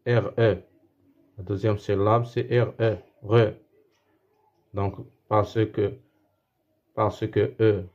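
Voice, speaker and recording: A male teacher with a Moroccan accent explaining a French spelling lesson slowly, repeating words and restarting as he goes. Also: on the low side, darkish tone, highs cut off. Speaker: primary school French teacher.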